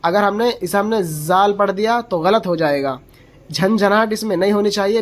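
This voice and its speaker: Patient teacher modeling letter sounds. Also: medium pitch. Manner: patient, explains slowly and models each letter sound aloud several times; asks the learner short checking questions. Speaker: Quran reading teacher. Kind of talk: step-by-step pronunciation lesson.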